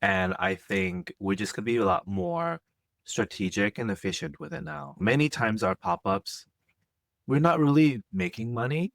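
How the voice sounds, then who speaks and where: A man's voice: mid-range voice, animated, normal speed, gravelly, fairly bright tone, no echo, clean studio sound. A young man co-hosting a podcast in casual chat, teasing and matter-of-fact. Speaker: podcast co-host.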